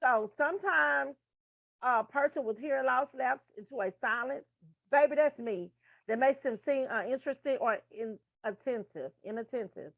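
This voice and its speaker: With a high, vocal-fried voice at normal speed, a woman tutors nursing material in a frank, casual way full of cursing asides to the audience. The audio is dull and lo-fi, with no echo.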